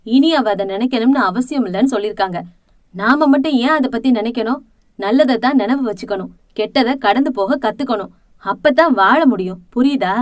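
Woman reading as a stern older auntie, bossy and protective, high voice, dry close sound. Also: moderate pace, dry recording, natural voice. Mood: firm. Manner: scolding, firm and lecturing.

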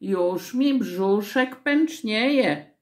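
A woman's voice: medium pitch, animated, very slow, pitched above the performer's own voice. A woman reading a children's story aloud and voicing a small, hungry, mischievous male imp with a whiny, giggling manner. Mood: pleased.

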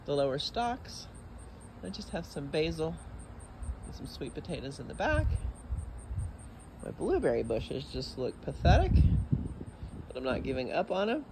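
A man with a Texan accent walks through his suburban backyard garden outdoors, filming a relaxed, chatty tour on his phone. His pitch rises in lively ways, and the outdoor phone audio carries clear background noise.

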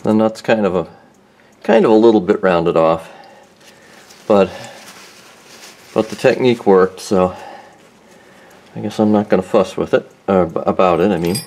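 Low-voiced man explaining car repairs. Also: moderate pace, long pauses. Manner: relaxed, rambling, with many ums and restarts. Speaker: home mechanic host. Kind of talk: casual how-to demonstration. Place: under a car in a garage.

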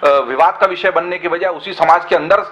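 A man's voice: on the high side, brisk, fairly bright tone, dull audio. A man giving earnest, argumentative commentary in a web discussion, often asking rhetorical questions.

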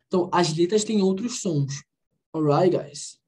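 A Brazilian woman teaching an online English class, patiently repeating words slowly to model their pronunciation. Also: lowish voice, a little mellow, breathy edge. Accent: Brazilian Portuguese. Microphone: computer mic on a video call.

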